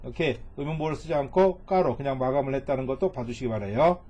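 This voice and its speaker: A man's voice: mid-range voice, quick pace, mellow, highs cut off. A middle-aged man teaching Japanese reading in a recorded lecture, patiently repeating each phrase and translating it word by word.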